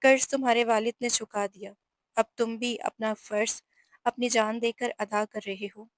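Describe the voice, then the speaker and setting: A woman's voice: a little high, steady tone, moderate pace, dry recording, lightly acted. A woman voicing a widowed mother who scolds her only son firmly and emotionally in a storybook reading. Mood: tearful. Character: stern widowed mother, protective and tearful.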